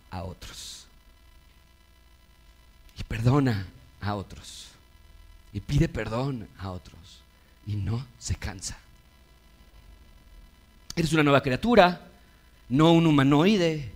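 A middle-aged man preaching a sermon, moving between loud emphatic peaks and quiet low asides, and acting out the quoted voices of his listeners. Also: slow, pauses often, breathy edge. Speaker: pastor.

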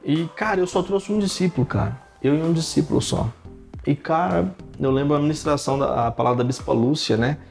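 This thirtysomething pastor has a slightly high voice with vocal fry and speaks a little fast over faint background music. On a relaxed podcast he tells lively stories, leaning often on "cara" and "né."

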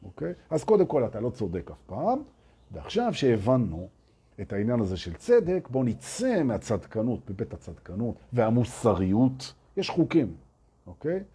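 Husky-voiced man giving an animated spiritual talk. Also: medium pitch. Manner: emphatic, repeats key phrases, fires rhetorical questions at listeners. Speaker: spiritual teacher addressing an audience.

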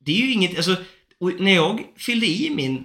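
Animated young man, bright voice, roomy echo. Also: high-pitched. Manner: animated storytelling, swearing, acting out phone calls. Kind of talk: casual chat.

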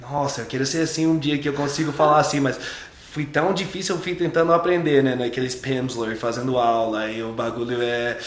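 A young adult man, a native English speaker, chats casually as an interview guest in a medium-pitched, steady voice that runs a little fast and sounds reverberant. His relaxed talk is loose and repetitive, and he keeps restarting his words.

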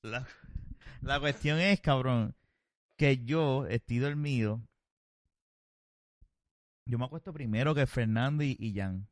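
A man's voice: medium pitch, slow pace, pauses often, no room sound. Storytelling man, dry sound. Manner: animated, swears freely, laughs often. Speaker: podcast host telling a story. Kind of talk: casual storytelling chat.

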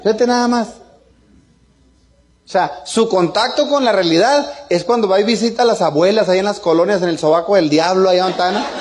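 This is a middle-aged man, speaking a touch higher than most men. He tells personal stories to a seminar crowd in a casual, colloquial way. He jokes as he goes and keeps checking in with his listeners. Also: darkish tone, a little hiss or hum. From Mexico. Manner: joking, colloquial, tags lines with "¿no?" and "¿ah?". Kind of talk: seminar storytelling talk.

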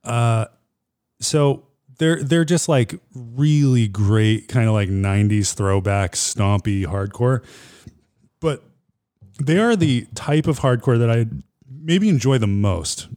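Young male co-host, relaxed dark timbre, chatty storyteller who slips into quoted voices. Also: mid-range voice, slow. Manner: rambling, laughs often, acts out quotes. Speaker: podcast co-host. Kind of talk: casual chat.

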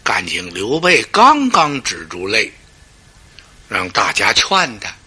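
Slow, husky dramatic male storyteller. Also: on the low side, huge pitch swings, sharp tone. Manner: dramatic, with asides to the listener. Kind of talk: traditional storytelling performance.

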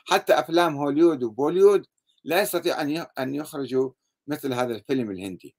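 A man's voice: a little high, fast. A man with an Iraqi Arabic accent giving a critical lecture, sarcastic and full of rhetorical questions. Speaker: religious critic.

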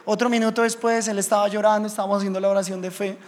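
A high-voiced pastor preaches to a congregation and tells his stories with lively sound effects. His voice carries a long reverb from a large hall. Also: very fast, a little hiss or hum. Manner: animated storytelling, acts out scenes with sound effects. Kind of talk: sermon.

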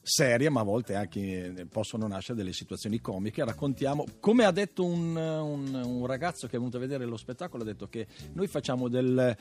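A man's voice: mid-range voice, fairly quick, hardly any pauses, a little mellow. A man chatting as a guest on a radio show, telling stories with frequent restarts and fillers. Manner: chatty storyteller, hesitant restarts. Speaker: guest performer. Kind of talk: casual radio chat. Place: radio studio.

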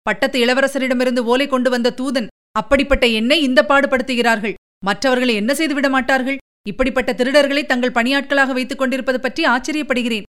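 Woman reading a cocky young warrior guy, fast and fired up, smooth clear voice, a bit high. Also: steady tone, a bit bright. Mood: indignant. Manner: quick, indignant, demanding. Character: bold young male warrior envoy, sharp-tongued.

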